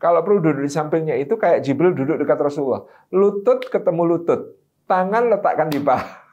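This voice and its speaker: A man giving a relaxed, humorous religious talk about marriage, chatting with his listeners and acting out bits of dialogue. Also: a little high, a little fast, dull audio. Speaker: Islamic preacher. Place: study gathering.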